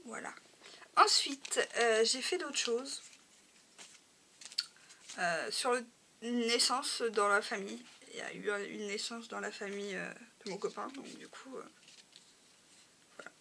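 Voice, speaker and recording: A woman's voice: fairly high pitch, a little slow, vocal fry, long pauses, slight background noise. A woman with a slightly nasal, stuffed-up voice, casually showing her crafts, hesitating often and sometimes dropping to a near whisper. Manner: hesitant, many fillers, drops to a soft whisper at times. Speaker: crafting vlogger. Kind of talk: casual show-and-tell.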